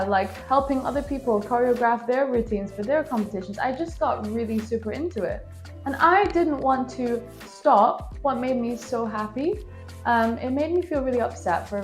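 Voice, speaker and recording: A young woman in her twenties, raised in Scotland, chatting casually to camera in a rambling, self-deprecating way, recorded on a phone with a small microphone. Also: a little high. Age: 20s. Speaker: vlogger. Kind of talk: casual vlog talk to camera. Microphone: phone with plug-in microphone.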